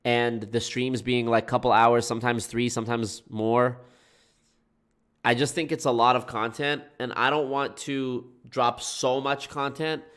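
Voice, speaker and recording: On a casual livestream, a man talks informally to his viewers, swearing now and then and calling them "y'all." His congested, blocked-nose voice sits in the mid range, clean and a bit bright, delivered flatly at a slightly slow pace.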